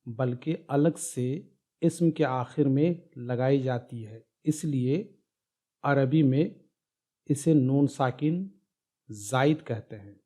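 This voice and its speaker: A man giving a step-by-step Arabic grammar lesson, slowly drilling syllables one at a time. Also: medium pitch, mellow. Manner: slow, drawn-out syllable drills. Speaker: Arabic teacher.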